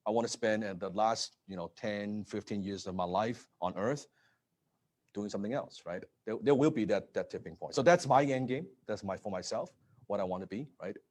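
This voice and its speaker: A man in his late thirties giving an energetic live business talk, repeating words and often asking "right?". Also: lowish voice, fairly quick. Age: 30s. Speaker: presenter.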